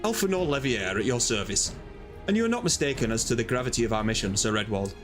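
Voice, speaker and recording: A posh, earnest young scholar, read aloud by a man streaming a game, formal and measured. His voice sits at an everyday middle pitch. Faint music plays underneath. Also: lively intonation, a bit bright, natural voice. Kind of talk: reading game dialogue aloud.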